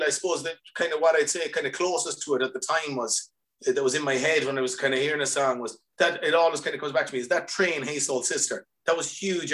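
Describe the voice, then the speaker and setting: Speaking in a mid-range, slightly bright voice, a man from County Mayo chats as a musician guest on a remote video call. His west of Ireland accent carries an upbeat, rambling, casual manner.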